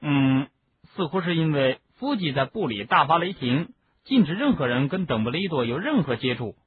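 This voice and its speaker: A man's voice: a little high, sing-song, normal speed, slight background noise. A man reading a chatty teenage boy wizard. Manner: chatty, explaining at length. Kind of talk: audiobook reading. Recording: narrow phone-like lo-fi sound.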